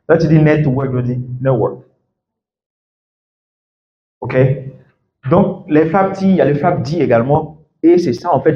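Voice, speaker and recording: Man coaching English in an echoey room. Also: mid-range voice. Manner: loose conversational French with fillers, models English words. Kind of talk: live talk to a group. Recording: echoey room, dull lo-fi sound.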